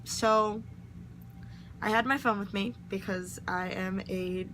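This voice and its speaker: A woman's voice: mid-range voice, fairly even intonation, slow, background noise. A young woman, host of her own channel, reading her poetry aloud and then explaining it in casual, reflective chat from her bedroom. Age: young adult. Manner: earnest, reflective.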